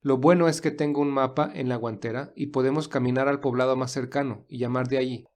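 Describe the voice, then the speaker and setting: This man speaks a little fast in a steady, medium-pitched, darkish and natural voice. He's playing an audio story character, a polite and resourceful young man stranded alongside his companion, and his lines sound earnest and reassuring.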